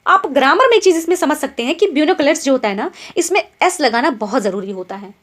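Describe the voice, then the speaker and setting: A young woman teaches an online vocabulary lesson in a high, bright voice. Her pitch swings up and down a lot as she explains each word in Hindi mixed with English, then quizzes her students and checks in with them after nearly every point. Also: animated, fast talker. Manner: keeps asking quiz questions and tag checks like "ठीक है?".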